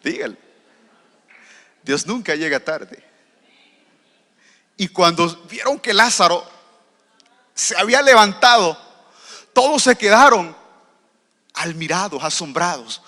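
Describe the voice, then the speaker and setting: High, bright-voiced preaching pastor. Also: male voice, big-room sound. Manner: preaching with rhetorical questions to the congregation. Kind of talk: sermon. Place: church.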